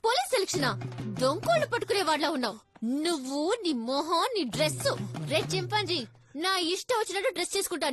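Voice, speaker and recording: An actress playing a fiery young woman in her twenties who shrilly scolds her insulting date. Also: very high voice. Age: 20s. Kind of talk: film dialogue.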